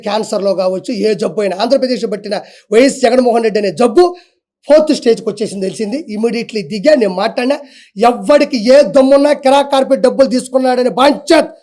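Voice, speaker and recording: A man with a strikingly high voice tears through a heated, defiant rant as an interview guest. He talks fast and drives each point home by repeating it, challenging anyone to prove him wrong. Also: mellow. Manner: fiery, defiant, repeats for emphasis.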